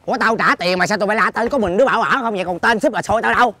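A man playing an exasperated young male singer in a comedy sketch, complaining and quick with his words. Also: sits high, noisy background, close to an everyday voice. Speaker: comic actor in a stage sketch. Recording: stage show with music behind.

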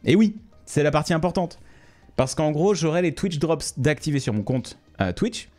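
A man's voice: on the high side, animated, normal speed, faint music behind. A man streaming live, chatting casually and jokingly with his viewers. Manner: chatty, joking, addresses viewers as ladies and gentlemen.

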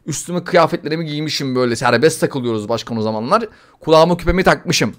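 A young man telling embarrassing stories as a comic monologue, slangy and animated. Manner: animated, slangy, quick comic storytelling with swings in pitch.

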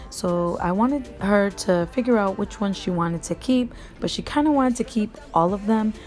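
A woman, a mother of four, narrating a home cleaning vlog in a relaxed, matter-of-fact voice-over. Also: mid-range voice. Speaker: vlogger, mother. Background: faint music.

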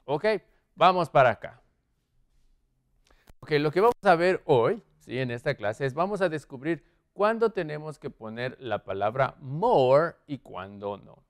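A man's voice: a little high, very animated, unhurried. A male English teacher giving a classroom lesson, often checking in with his students and moving around as he writes on the board. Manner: checks in with frequent "¿sí?" and "¿ok?"; moves around while writing on the board.

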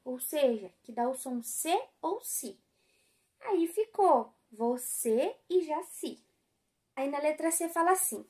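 Slow, high-voiced Brazilian woman teacher. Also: darkish tone. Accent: Brazilian Portuguese. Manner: patient, explanatory, stretches words slowly. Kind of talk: school lesson explaining spelling exercises.

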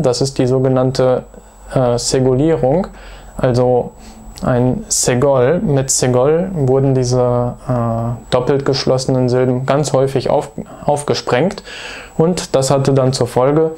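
Man, language teacher, unhurried delivery, mellow tone, methodical, hesitant fillers. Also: medium pitch. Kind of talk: explanatory video lesson.

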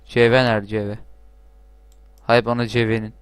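A man giving casual gameplay commentary, talking loudly and swearing and shouting at the game. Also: lowish voice, flat delivery, normal speed, clean tone, dry recording. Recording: game music playing behind.

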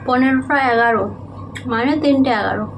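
A young woman from Medinipur chatting softly in a casual home vlog, sleepy and sweaty in the heat. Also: high-pitched, moderate pace, vocal fry, dull audio, a little hiss or hum. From Medinipur, West Bengal, India. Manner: soft, hushed talk so a sleeping child stays asleep. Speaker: vlogger, housewife and mother. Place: small home indoors. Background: background music.

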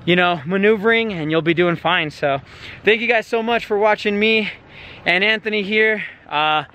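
Bright-voiced laid-back off-road vlogger guy. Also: sits high, normal speed. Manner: laid-back, rambling with fillers. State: a little out of breath. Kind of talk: casual outdoor vlog talk. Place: outdoors on a mountain trail.

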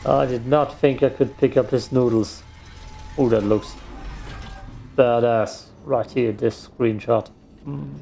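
An Austrian man speaking German hosts a let's play, joking and poking fun at himself as he comments on his gameplay. His mid-range voice is steady, gravelly and mellow, moving at a slow pace with long pauses. Soft music plays in the background.

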